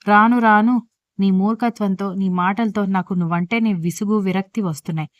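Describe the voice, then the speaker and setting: Brief: woman narrator voicing a blunt, angry older husband, mid-pitched, on a dull, dry track. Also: fairly even intonation, a little fast, dry recording, lightly acted. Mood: scolding.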